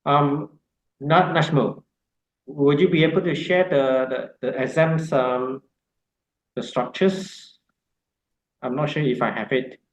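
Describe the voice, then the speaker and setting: Male course instructor, halting delivery, faint hiss in an echoey room. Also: a little high, fairly even intonation. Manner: halting, many fillers. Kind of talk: online orientation session.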